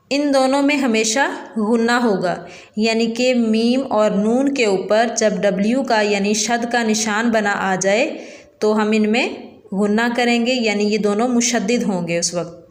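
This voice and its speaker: Woman, Pakistani Urdu accent, teacher, patient, repeats every point, higher voice, roomy echo. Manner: repeats each rule twice, slow and deliberate. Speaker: Quran recitation teacher. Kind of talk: patient step-by-step lesson.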